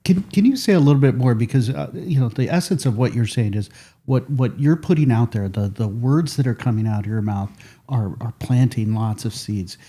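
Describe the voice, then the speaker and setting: A man's voice: medium pitch, fairly quick, dark tone. A man hosting a podcast, encouraging his guest and asking follow-up questions. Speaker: podcast host. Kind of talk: casual chat.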